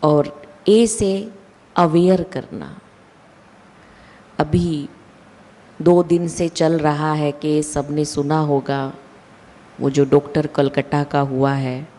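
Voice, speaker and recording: A woman giving a slow, deliberate spiritual talk with emphatic rises in her voice. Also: sits low, flat delivery, warm tone. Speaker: spiritual speaker. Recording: long hall reverb.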